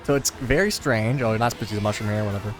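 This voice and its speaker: A man's voice: lowish voice, very fast, over music. A young man chatting casually while playing a racing game, telling a rambling story full of fillers. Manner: rambling, laid-back storytelling with many fillers. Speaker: gaming video host. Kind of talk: casual chat over gameplay.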